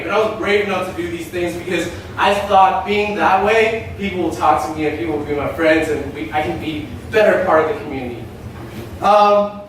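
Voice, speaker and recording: A young man raised in Shanghai, giving an animated opening talk at a design meetup, telling personal stories with frequent filler "uh". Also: sits high, recorded from a distance, a little hiss or hum. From Nepal-born, raised in Shanghai, China. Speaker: meetup host and speaker. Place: event space with an audience. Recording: very echoey hall, voice from afar.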